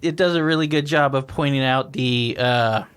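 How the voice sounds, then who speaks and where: A man co-hosting a casual beer-tasting podcast rambles through his points over beers, restarting often and laughing a lot. His mid-range voice is fairly bright and clean, delivered at a normal speed.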